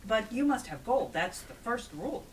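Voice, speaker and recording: A woman's voice: a little high, very animated, normal speed, recorded from a distance, slight background noise, voice pushed up. A woman voicing a sly, cheerful trickster man in a storybook, wheedling and exclaiming in a sing-song way. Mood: sly, instructing.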